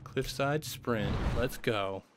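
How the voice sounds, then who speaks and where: Loud game car noise runs under this casual racing-game let's play, where a young YouTuber talks slowly in a mid-range voice. A cold has left his throat scratchy and hoarse, and his chatter is full of fillers.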